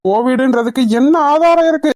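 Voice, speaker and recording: A woman voicing a greedy, threatening older uncle in a cartoon, talking low and slow. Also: darkish tone, no echo, clean studio sound, lightly acted. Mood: scornful. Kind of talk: cartoon dubbing.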